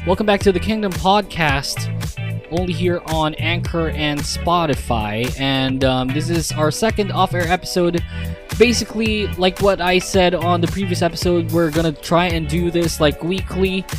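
A man's voice: a little high, fairly even intonation, moderate pace, music in the background. A man hosting a podcast, rambling and swearing freely in casual chat. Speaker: podcast host.

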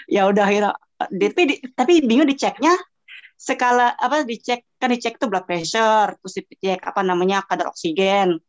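A woman guest telling her own story in casual chat, acting out what she cried and heard along the way. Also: medium pitch. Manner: animated, acts out her own cries and sounds. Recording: dull lo-fi voice message.

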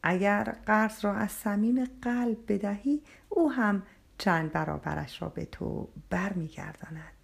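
A woman voicing a calm, firm wandering dervish. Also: mid-range voice, vocal fry, close to an everyday voice. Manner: quiet and steady, often half-whispered.

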